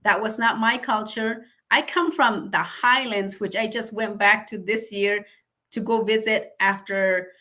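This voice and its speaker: Earnest middle-aged woman, first language mayan, clear bright voice, lots of um pauses. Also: medium pitch, steady tone. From Guatemala. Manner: earnest and grateful, with frequent um pauses. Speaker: guest speaker. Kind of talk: personal storytelling.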